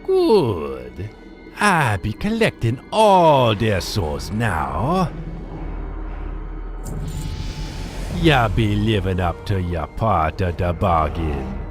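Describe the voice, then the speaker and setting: A man's voice: on the low side, big pitch swings, slow, music in the background, voice pushed down. A man voicing a sly male troll spirit of death who trades in souls, in a drawling dialect, reading game dialogue. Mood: smug. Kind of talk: reading game quest text aloud in voice.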